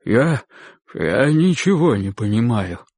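A man's voice: mid-range voice, expressive, a little slow, darkish tone, no room sound. A frightened, flustered stout man in middle age, voiced by a male storyteller, pleading in a shaky, bewildered way. The recording is dry and close, with no room around it. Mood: shaken.

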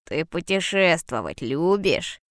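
A woman voicing a gentle, dreamy young bear cub, speaking low, soft and drawn-out in a storybook reading. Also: very animated, dry recording, clean studio sound, heavily acted.

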